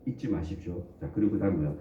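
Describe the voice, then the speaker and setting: Low, rapid-fire and dark in tone, a male pastor delivers a sermon in a conversational style, frequently questioning the congregation and slipping in jokes and chuckles between points. It was captured in an echoey room by a dull mic set far away.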